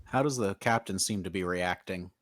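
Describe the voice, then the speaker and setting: A man's voice: deep voice, moderate pace. A man playing a tabletop game who asks the game master questions and hesitates often. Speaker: player. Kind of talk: casual tabletop play.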